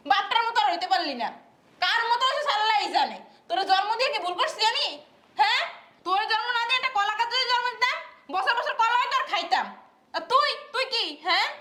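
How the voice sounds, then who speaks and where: A woman's voice: extremely high pitch, sharp tone, exaggerated voice. A woman playing a nagging older mother-in-law in a comedy skit, firing off scolding rhetorical questions and tagging each with "haan?".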